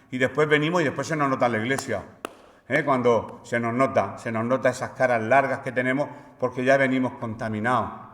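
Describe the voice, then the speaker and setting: A man's voice: mid-range voice, fairly bright tone. A man with a Spain Spanish accent preaching a sermon in a conversational way, asking rhetorical questions. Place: church hall. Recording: echoey church hall.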